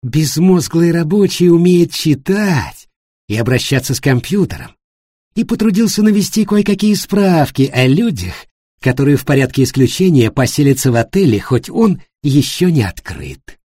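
A man voicing an angry, resentful male hotel worker who shouts scornfully. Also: on the high side, lively intonation, normal speed, no echo, studio quality, voice pushed up. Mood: furious.

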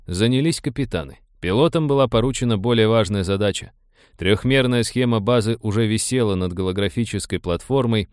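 A man narrating an audiobook in a steady, wry storytelling manner. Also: on the low side, clear, resonant tone, no echo, clean studio sound.

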